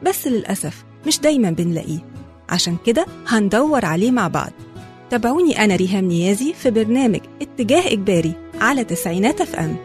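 مذيعة مصرية سريعة الكلام. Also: female voice, mid-range voice, expressive, quick pace, soft background music. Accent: Egyptian Arabic. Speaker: radio show host. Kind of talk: radio talk show presenting.

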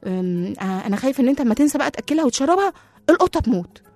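A woman with an Egyptian accent voicing a sly male devil tempting a child, hushed and insinuating. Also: high-pitched, big pitch swings, racing, dry recording, faint music behind, pitched above the performer's own voice. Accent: Egyptian Arabic.

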